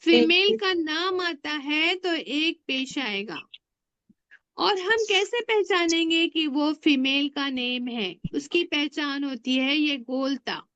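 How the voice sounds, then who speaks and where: A woman's voice: high voice, lively intonation, slow, fairly bright tone, dry recording, dull audio. A woman teaching Arabic grammar in an online class, patiently drilling words and asking her students questions. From India. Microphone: online class audio.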